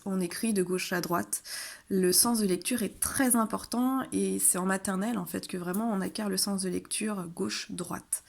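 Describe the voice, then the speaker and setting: A woman teacher patiently explaining a phonics exercise to parents, saying example words loudly and slowly. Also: mid-range voice, creaky. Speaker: kindergarten teacher. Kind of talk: home-schooling video lesson for parents.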